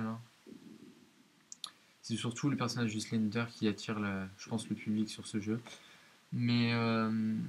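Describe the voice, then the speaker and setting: A man giving hesitant, explanatory let's-play commentary of a horror game, talking directly to his viewers. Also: fairly low pitch. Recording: hissy home recording.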